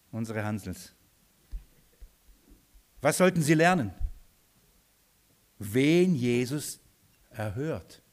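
A man delivers a sermon in a fairly high voice, often putting questions to his listeners. He drops to quiet, low asides, then climbs into loud, emphatic passages. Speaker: preacher.

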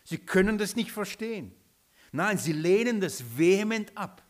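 Man, preacher, sermon, emphatic, rhetorical questions, slightly high voice. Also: expressive, moderate pace. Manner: emphatic, repeats points and asks the listeners questions.

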